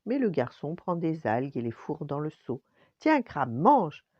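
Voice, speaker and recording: Older woman, low, animated bedtime storyteller; dry, slightly dull recording. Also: normal speed, no echo. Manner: lively, expressive reading. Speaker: storyteller grandmother.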